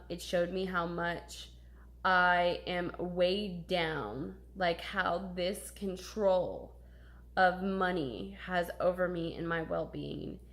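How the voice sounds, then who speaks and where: A woman in her thirties, a vlogger with a lowish, slightly bright voice, talks candidly and emotionally in a personal vlog. She swears casually as she confides.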